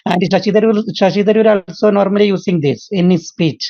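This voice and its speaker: Slow, hesitant student with a Malayali accent. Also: mid-range voice, dark tone, dry recording, dull audio. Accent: Malayali English. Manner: hesitant, many pauses.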